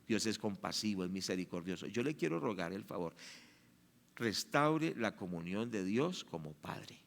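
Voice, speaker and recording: A male pastor preaching a sermon in a conversational way, checking in with the congregation and acting out prayers, from loud cries to soft murmurs. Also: on the low side, lively intonation, moderate pace, vocal fry. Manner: conversational preaching, asks the congregation "¿cierto que sí?"; acts out prayers, shouting some, murmuring others. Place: church sanctuary. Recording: long church-hall reverb.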